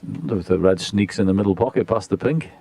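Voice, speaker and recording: A man commentates on snooker in a low, hushed voice with a gravelly creak. He speaks in measured, understated short phrases, very close and dry. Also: animated, no echo.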